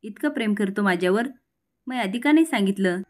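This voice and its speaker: A woman's voice: medium pitch, animated, brisk, darkish tone, lightly acted. A woman reading a defiant obsessive girl. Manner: insistent, defiant. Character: obsessive, stubborn young woman.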